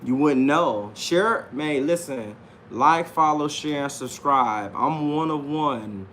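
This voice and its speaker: His voice runs high, a bit bright, and slow, with a faint hiss or hum behind it. This late-thirties self-published author and streamer improvises a casual monologue, confident and slangy, going over things repeatedly and peppering in "man."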